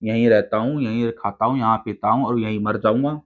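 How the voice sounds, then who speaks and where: A man voicing an eerie male food vendor on a haunted train who gives flat, cryptic replies. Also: fairly low pitch, fairly quick, natural voice. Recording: tinny phone-like recording.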